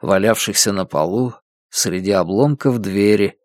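A man narrating an audiobook thriller in an even, measured reading voice. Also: on the low side, no room sound, studio quality.

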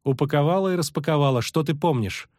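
A male reader voicing a calm, patient elven sorceress who speaks crisply and in command. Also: fairly high pitch, fast talker, dry recording, clean studio sound, voice pushed up, natural voice.

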